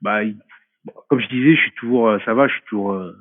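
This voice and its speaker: A man's voice: mid-range voice, a little fast, no room sound. A man in his forties answers questions from afar, his voice thin and phone-like on a dry, close line. He thinks aloud, stumbling over fillers and repeating words as he gropes for the right phrase. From France. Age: 40s. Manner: hesitant and reflective, many fillers and restarts. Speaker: guest. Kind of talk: casual interview talk. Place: remote call from a mountain home.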